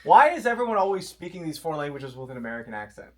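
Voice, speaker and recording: A man's voice: a little high, very animated, very fast, a little mellow. A man in his twenties from Florida, a comedian guest in casual chat who asks curious, analytical questions and rambles with many fillers. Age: 20s.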